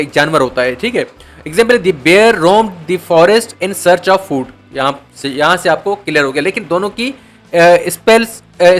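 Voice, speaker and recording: A man with a high-pitched voice teaches an exam prep lesson, explaining in Urdu with English terms mixed in. He reads definitions slowly and carefully. Soft music plays faintly behind him. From Pakistan.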